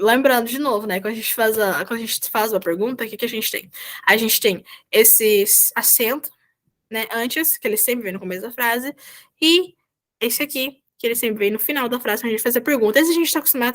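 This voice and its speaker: A Brazilian woman with a Brazilian Portuguese accent, a volunteer teacher explaining a Spanish lesson patiently over a video call and often checking that students follow. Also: on the high side. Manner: patient, repeats "tá?" to check understanding. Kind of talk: online class explanation.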